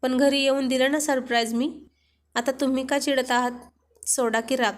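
A woman's voice: high voice, steady tone, moderate pace, natural voice. A woman voicing an emotional, pleading young wife in a spoken story, close to her own voice.

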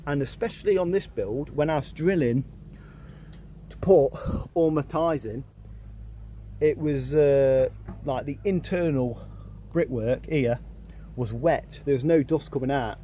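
A man's voice: mid-range voice, a little slow, pauses often, mellow. A young man, a bricklayer explaining his job step by step in a casual on-site vlog, recorded outdoors on a building site. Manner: plain-spoken, explains his work step by step. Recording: outdoor site noise behind the voice.

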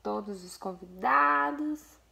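Gushing young Brazilian woman, slight vocal fry. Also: medium pitch, animated, takes it slowly, sharp tone. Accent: Brazilian Portuguese. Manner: gushing, chatty, addresses viewers directly. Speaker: vlogger, mother. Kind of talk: casual vlog, showing a photo album.

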